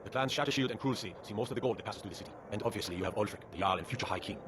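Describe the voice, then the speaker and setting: A man's voice: lowish voice, very fast, lightly acted. An actor playing a knowing, gossipy local man in a video game, giving a guide to his town. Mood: informative. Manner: informative, gossipy. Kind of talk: video game character dialogue. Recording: sped-up game audio with outdoor noise.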